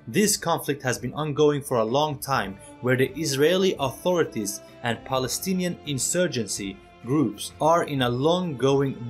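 A man of middle pitch makes an earnest, persuasive case as the host of an online opinion video, turning to speak directly to his viewers. His voice-over sits over soft background music. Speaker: channel host.

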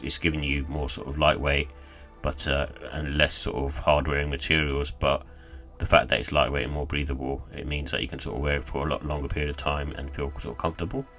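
Very deep-voiced man reviewing sneakers. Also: sharp tone. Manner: rambling, many fillers like "sort of" and "kind of". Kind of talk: casual product review voice-over.

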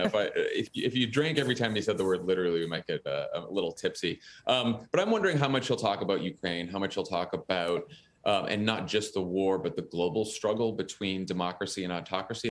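Deep-voiced, fast-talking male guest. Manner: casual and quick, with fillers. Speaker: guest commentator. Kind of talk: casual chat.

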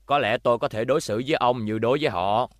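A man's voice: mid-range voice, quick pace, no echo, studio quality, close to an everyday voice. A man voicing Atlas, a cool curt robot. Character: young male super-robot, proud and blunt. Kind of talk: Vietnamese TV cartoon dubbing. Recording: dub with loud score underneath.

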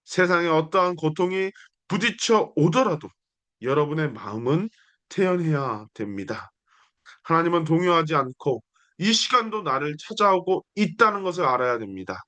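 A man's voice: a little high, animated, moderate pace, fairly bright tone. A young man preaching a sermon, earnest and declamatory, building his points through repeated phrases. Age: young adult. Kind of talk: sermon with scripture reading.

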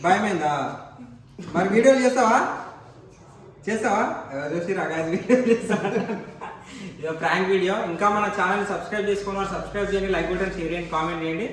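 High, bright Telangana vlogger man, echoey. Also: fast. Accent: Telangana Telugu. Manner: repetitive, teasing, laughing questions. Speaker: vlogger host. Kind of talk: casual vlog, coaxing children. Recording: echoey room, distant mic.

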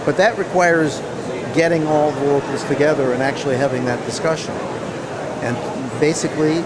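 A man answering interview questions as a union delegate, earnest and measured, often restarting his sentences. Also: fairly high pitch, steady tone, very noisy. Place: busy convention hall. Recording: loud crowd chatter behind.

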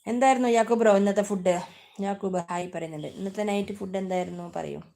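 A woman hosting a casual live stream, chatting warmly with viewers, greeting them by name, teasing them and asking for likes. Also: mid-range voice, fast, gravelly. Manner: affectionate, teasing.

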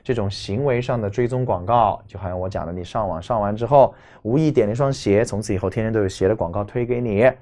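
A man's voice: on the low side, quick pace, hardly any pauses, warm tone. A man lecturing as an English teacher, explaining vocabulary with emphatic repetition and rhetorical questions. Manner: emphatic, repeats key words, rhetorical questions.

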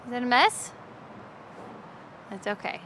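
A woman filming a toddler at home and coaxing the child in gentle baby talk. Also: on the high side, big pitch swings, unhurried, slight background noise.

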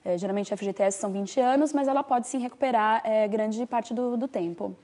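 A woman's voice: a little high, brisk, dark tone. A woman explains social security law. She speaks as a patient legal adviser on a TV call-in segment and fills her sentences with small "né" and "é" tags. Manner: explanatory, patient, with frequent "né" and "é" fillers. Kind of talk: TV call-in advice answers.

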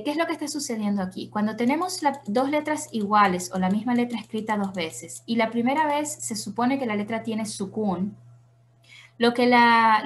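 A woman teaching a recitation lesson, patient and methodical, often checking in with her listeners and repeating examples slowly. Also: a little high. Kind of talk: explanatory tutorial lesson.

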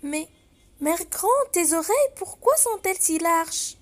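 A woman voicing a timid little girl in a storybook, with a high, childlike, wide-eyed voice. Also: expressive, measured pace. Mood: wondering.

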